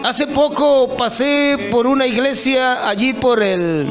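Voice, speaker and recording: A man's voice: very high voice, slow, music in the background. A man preaching an impassioned sermon, often calling out to his listeners as brothers.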